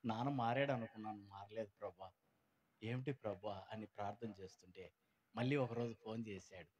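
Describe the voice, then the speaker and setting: A man telling his conversion story at a gospel meeting, swinging between loud outbursts and hushed lines and acting out the people he quotes. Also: on the low side. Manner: acts out quoted people in changed voices. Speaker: testimony speaker at a gospel meeting. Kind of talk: emotional church testimony. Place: church meeting.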